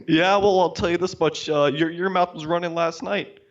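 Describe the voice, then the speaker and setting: A man's voice: fairly high pitch, steady tone, normal speed. Mocking male caller on a muffled line. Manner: mocking, laughing insults.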